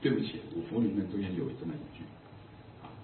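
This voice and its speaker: A man's voice: low-pitched, fast talker, slight background noise. An older man preaching a sermon as a pastor, telling humorous anecdotes. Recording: distant echoey phone-like recording.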